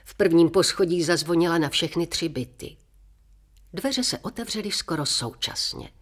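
A woman reading a children's story aloud with clear, steady storytelling. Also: lowish voice. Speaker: story reader.

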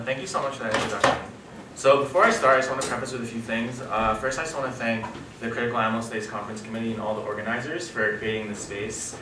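A young man from New York, short of breath from altitude sickness, presenting an academic paper at a conference. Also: lowish voice. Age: young adult. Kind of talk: reading a prepared academic paper. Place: wood-panelled conference room, indoors. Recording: echoey room, distant mic, background noise.

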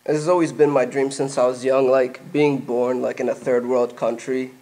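A young man from Egypt, a native Arabic speaker, talking casually as a guest in an indoor gym studio, with many fillers and pauses. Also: mid-range voice. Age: young adult. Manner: relaxed, hesitant, many fillers. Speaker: guest, soccer player. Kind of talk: casual interview.

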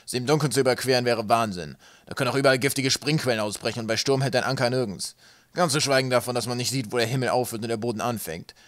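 A man's voice: mid-range voice, fast, fairly bright tone, no echo, close to an everyday voice. A man voicing a talkative older male sky pirate, eager and rambling.

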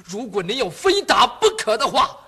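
A man's voice: very high-pitched, sing-song, moderate pace, bright, forceful tone, husky, heavily acted. A man voicing an old general who earnestly pleads to take his son's punishment, in a traditional storytelling performance. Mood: pleading. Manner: earnest, imploring. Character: old male general, pleading, devoted father.

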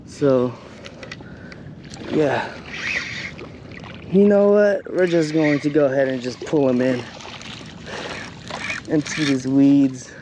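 A man in his thirties talks at an unhurried, drawn-out pace, relaxed and chatty with plenty of fillers. He sits at a middle pitch and is recorded outdoors on an action camera. A faint hiss of open-air noise runs beneath his voice. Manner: laid-back, chatty, uses lots of fillers. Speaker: fishing vlogger. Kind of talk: casual vlog commentary. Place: outdoors on a bay shoreline. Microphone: action camera, hand-held or chest-mounted.

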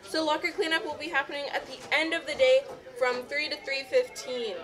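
A woman's voice: high voice, steady tone, brisk, crowd noise. A young woman, a student announcer, reading scripted morning announcements over a school intercom. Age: teens to young adult, high school student. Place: indoor school office. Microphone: telephone handset of school PA, seen.

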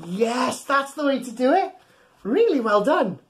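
Speaking in a very high pitch at an unhurried pace, a man in his thirties hosts a read-aloud for young children, with slight background noise. He's playful and exaggerated, encourages the kids directly, and physically acts along, all from a small indoor room at home.

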